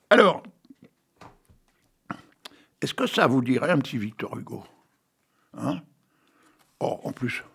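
Gravelly-voiced man in his eighties. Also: mid-range voice. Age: 80s. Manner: chatty, joking asides to listeners, many "hein". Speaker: radio host reading poetry. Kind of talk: casual chat and poetry reading. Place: radio studio with a technician.

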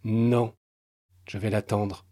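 Brief: exhausted desperate man, husky, quiet and clipped, read by a male narrator. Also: lowish voice, flat delivery, takes it slowly, dry recording, clean studio sound. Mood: stubborn. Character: exhausted desperate middle-aged man, stubborn.

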